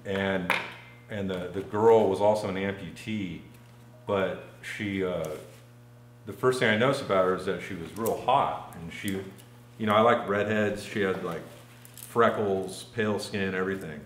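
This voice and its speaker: A man with a fairly low voice tells a long story in a loose, casual way. He rambles and fills his sentences with "like." He is heard in an echoey room. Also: steady tone, measured pace, a little hiss or hum. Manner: rambling, full of "like" fillers. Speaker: podcast guest.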